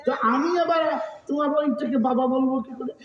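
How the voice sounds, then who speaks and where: A man preaches in a very high, piercing voice, acting out the story and shouting questions to his listeners. He sounds far from the mic in a big hall with a long, booming echo. The sound is dull and muffled. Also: brisk. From India. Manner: calls out questions to the audience; animated, often shouting. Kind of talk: Islamic sermon, storytelling.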